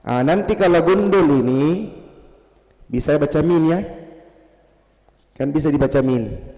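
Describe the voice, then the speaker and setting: A man with an Indonesian accent teaching grammar in a mosque, slow and patient, quizzing his students with questions. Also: mid-range voice, dark tone. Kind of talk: classroom lesson. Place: mosque hall. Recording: reverberant mosque hall.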